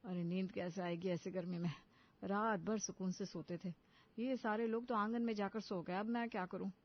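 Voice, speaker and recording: A woman voicing a sharp-tongued young wife in an animated story, who talks in a complaining, quarrelsome way. The sound is dull and lo-fi. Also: medium pitch, normal speed, voice pushed down, close to an everyday voice. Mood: fretting.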